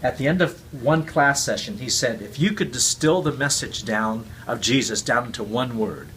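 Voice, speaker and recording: A man of Chinese heritage, raised with Cantonese, speaks as a guest with an earnest, casual explanation, often repeating words. His mid-range voice is fairly bright and at normal speed, though the audio is poor with slight background noise.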